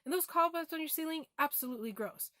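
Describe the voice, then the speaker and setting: A woman's voice: medium pitch, fairly even intonation, slow pace, dry recording, clean studio sound. A young woman playing her own mother, a matter-of-fact, bossy middle-aged parent who nags. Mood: scolding. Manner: nagging orders when scolding.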